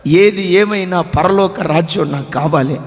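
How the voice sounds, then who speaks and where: A man preaching a sermon as pastor, with passionate shouts that drop to hushed tones. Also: high voice, measured pace. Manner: impassioned preaching with sudden shouts and hushed drops. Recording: echoey hall reverb.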